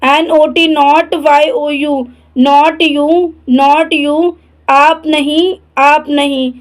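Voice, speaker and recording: A woman teaches English words in a spelling-and-repeat drill. She spells each letter, says the word twice, then gives its translation. Her voice sits high and the pace is very slow. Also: flat delivery, rough recording.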